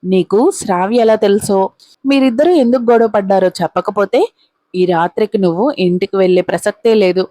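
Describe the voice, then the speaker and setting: A woman's voice: medium pitch, brisk, mellow, no room sound, natural voice. A woman voicing a stern, wealthy young man who speaks in a firm, threatening way.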